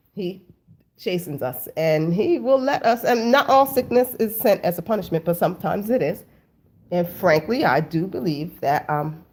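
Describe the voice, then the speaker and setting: A woman in her thirties with a deep, slightly mellow voice hosts an informal talk for her viewers. Her cold makes her sound blocked up and sniffly, and she keeps things loose and chatty, full of "like" and "um," calling her audience family.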